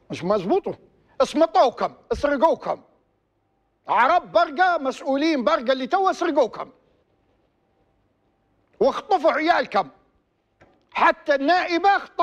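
A man's voice: very high-pitched, highs cut off. A man with a Libyan accent hosting a TV program, giving heated political commentary full of rhetorical questions. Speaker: TV program host.

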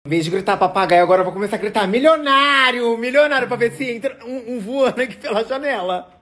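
Expressive young man, echoey room. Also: very high voice, fast talker. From Brazil. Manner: chatty and expressive, coaxing a pet in a sweet voice. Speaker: influencer. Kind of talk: casual phone stories vlog. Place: indoors at home, apartment rooms.

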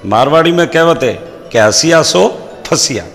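A man's voice: fairly high pitch, lively intonation, normal speed, soft background music. A man with a Rajasthani accent, a comedian telling folksy comic stories, quoting proverbs and voicing characters. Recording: long hall reverb.

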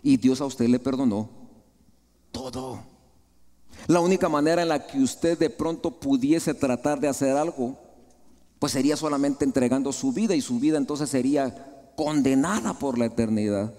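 A man with a Guatemalan Spanish accent preaching a sermon, rising high, then dropping to soft, low asides. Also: normal speed. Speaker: pastor. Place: large church hall. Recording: long hall reverb.

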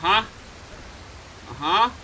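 A man with a Levantine Arabic accent giving let's-play commentary as a gaming YouTuber, talking to himself and the game and swinging between low muttering and sudden yells. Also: slow, a little hiss or hum, low-quality recording.

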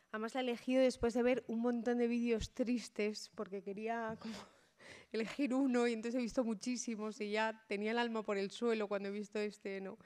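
A woman's voice: fairly high pitch, darkish tone. A woman lecturer, giving an informal, thoughtful talk with many hesitations. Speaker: humanities lecturer.

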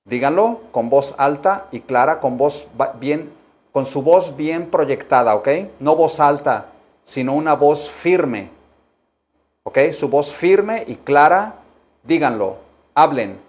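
A man teaching English to Spanish speakers, coaxing students to repeat phrases and slowing down to stress each English word. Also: a little high, animated, a little mellow.

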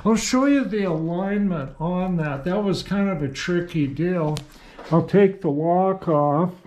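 A man's voice: sits high, measured pace, a little mellow. An older man giving a casual, folksy demonstration in his small home machine shop, rambling with fillers and restarts as he works.

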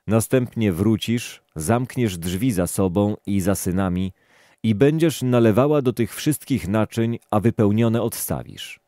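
A man reading a stern old male prophet's words aloud in a calm, measured way, barely shifting from his own voice. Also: fairly low pitch, no echo, clean studio sound, lightly acted. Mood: solemn.

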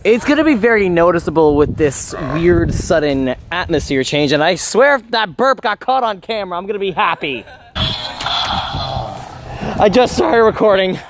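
Joking male host for casual behind-the-scenes chat, animated, noisy outdoor sound. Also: sits high, normal speed. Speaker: vlog host.

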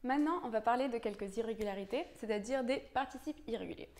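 Her voice is fairly high and darkish, and she talks fast. A young woman who teaches languages, she patiently and casually explains Spanish verb conjugations in French, repeatedly hesitating and starting over.

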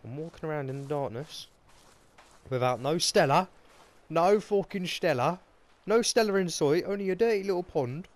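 A young man, chatting casually while playing a game, swearing a lot and breaking into excitable outbursts. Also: fairly high pitch, normal speed. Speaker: gaming host. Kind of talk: casual gameplay chat.

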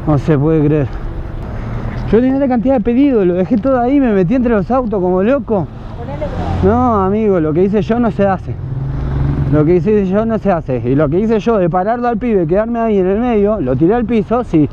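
A man's voice: high voice, animated, normal speed. A man with a Rioplatense Spanish accent, a motovlogger talking from his motorcycle in a city street, urgent and commanding at times. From Argentina. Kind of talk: helmet-cam motorcycle vlog. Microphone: helmet camera mic. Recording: muffled, with loud traffic noise.

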